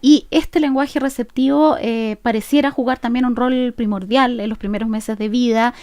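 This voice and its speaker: A woman's voice: fairly high pitch, steady tone, normal speed, a little mellow, no echo. A woman hosting a radio talk show, guiding the talk and summing up for listeners. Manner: guides the talk, sums up for listeners. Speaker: radio host. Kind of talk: radio interview, moderating.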